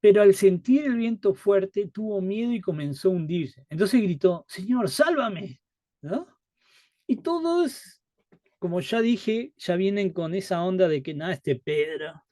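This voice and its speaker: Hombre dando estudio bíblico. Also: male voice, high voice, animated, a little slow, dark tone, no echo, studio quality. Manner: conversational, rhetorical questions, acts out quotes. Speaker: Bible study teacher. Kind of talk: live Bible study teaching.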